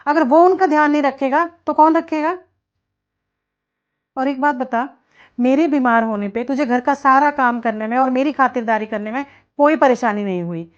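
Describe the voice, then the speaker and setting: An actress playing a patient middle-aged mother who gently lectures her daughter in a scripted family drama. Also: high-pitched, close to an everyday voice. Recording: slightly dull lo-fi recording.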